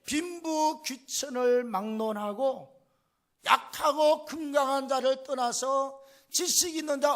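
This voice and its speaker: Pastor guy preaching hard and emphatic, high pitched, takes his time. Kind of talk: sermon.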